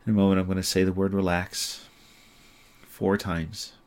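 A man guiding a listener through sleep hypnosis, speaking in a slow, soothing, repetitive way. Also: low-pitched, completely flat delivery, darkish tone, smooth.

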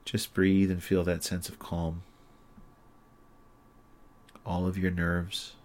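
A man with a very low, level voice leads a sleep hypnosis session. He talks in a slow, soothing and repetitive way. His pitch barely moves as he guides the listener deeper into calm.

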